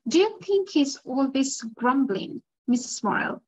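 A woman's voice: high voice, expressive, measured pace, a little mellow, low-quality recording. A woman lecturer reading aloud the lines of an affected, class-conscious young woman guest. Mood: sweet.

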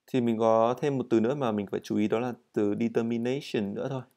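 Steady and mellow at a medium pitch, a man gives an English vocabulary and pronunciation lesson. Words are spoken slowly and clearly, and his explanations follow quickly.

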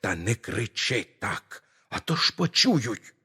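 A man voicing two scheming, jumpy male thieves who talk low and wary in an audio fairy tale. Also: big pitch swings, slow pace, bright, forceful tone, husky, full character voice. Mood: wary, hushed.

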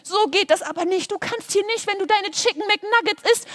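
A woman's voice: very high voice, brisk, dry recording, clean studio sound, pitched above the performer's own voice. A woman playing a friendly, polite clown in a children's story. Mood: polite plea. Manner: gentle, polite storybook telling-off. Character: friendly polite male fast-food clown.

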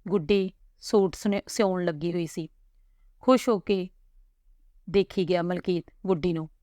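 A woman with a low, steady voice reads a family story aloud, calm and unhurried. The recording is close and dry, with no room around it. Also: dry recording. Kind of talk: storytelling narration.

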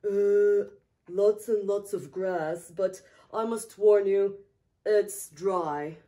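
A woman voicing a big storybook elephant, speaking slowly, low and loud. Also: distant mic. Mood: ponderous.

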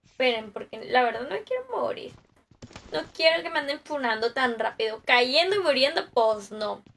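A young gaming streamer with a Mexican Spanish accent chats casually with viewers while playing, greeting people by name and using plenty of slang and profanity. Her high, gravelly voice is fairly bright, with lively intonation at a normal speed.

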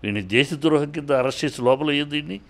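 Indignant man with a smooth voice. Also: fairly high pitch, rapid-fire. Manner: indignant and scolding, with rhetorical questions and frequent restarts. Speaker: interviewee giving opinions. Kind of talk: heated spoken commentary.

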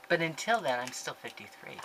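A woman in her fifties, a scrapbooking vlogger, chats briskly in a low voice with big pitch swings, rambling and gushing as she shows off craft supplies in a casual haul video. She records indoors on a desk webcam in her home craft room, and background noise is audible.

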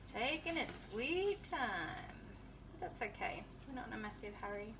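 In a very animated, fairly high voice at a moderate pace, a home cooking vlogger in her thirties chats to viewers while making food in her kitchen. The mood is casual and easygoing, and the distant mic captures a great deal of noise.

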